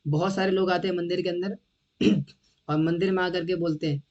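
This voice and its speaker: A man giving a devotional lecture in a conversational way, often checking whether his listeners follow and often clearing his throat. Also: high-pitched, steady tone, a little fast, darkish tone, muffled recording. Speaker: devotional teacher.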